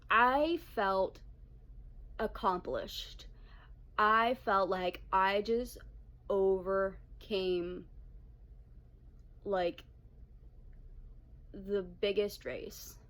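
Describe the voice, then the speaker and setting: A young adult woman telling a story-time vlog, blunt and animated with heavy swearing. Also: medium pitch. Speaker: vlogger.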